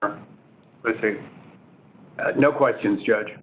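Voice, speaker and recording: A man's voice: fairly low pitch, slow pace, narrow, tinny audio, a little hiss or hum. A man cross-examining a witness as an attorney, in formal question-and-answer style over a thin line.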